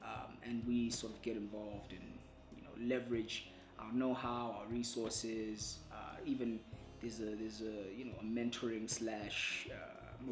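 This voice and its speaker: A man talks through his interview answers, pausing and restarting as he thinks. His voice sits at a middle pitch. The room rings with echo, and soft music plays faintly beneath. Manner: thoughtful, with many fillers and restarts. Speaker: entrepreneur and attorney.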